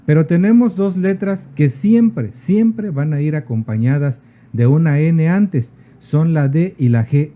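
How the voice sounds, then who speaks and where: Man, very dark mellow voice, fairly high, patient language teacher going through examples. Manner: patient, explains slowly with many examples. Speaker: teacher of a native language's alphabet. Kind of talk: spoken lesson on spelling and tones.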